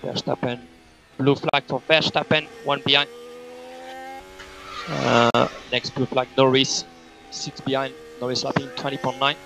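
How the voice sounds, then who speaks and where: A man's voice: mid-range voice, level tone, measured pace, vocal fry, long pauses, sharp tone, soft background music, rough recording. A man working as race engineer, giving terse, repetitive, clipped instructions over race car team radio. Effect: team radio transmission.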